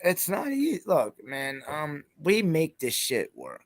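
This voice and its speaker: A man's voice: a little high, wildly swooping pitch, slow. A man hosting a casual interview chat, talking in a loose, rambling way and swearing casually. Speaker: host.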